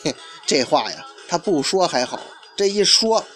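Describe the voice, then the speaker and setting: A man's voice: fairly high pitch, big pitch swings, moderate pace, a bit bright, soft background music. A man narrating a story in a chatty storytelling style, dragging out particles and asking rhetorical questions.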